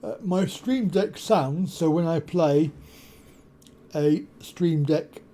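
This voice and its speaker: Sitting at his home computer desk, a man hosts a screen-share software walkthrough, explaining the setup one step at a time. His voice sits on the high side, his delivery is full of pauses and ums, and he's recorded on a desktop USB condenser mic.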